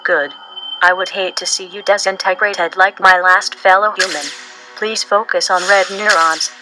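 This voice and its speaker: A woman voicing a calm female AI guide in a video game, with a robotic, formal, clipped delivery. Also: mid-range voice, moderate pace, natural voice, rough recording. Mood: instructive. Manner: formal, clipped machine announcements. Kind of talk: game character voice-over. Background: loud game music.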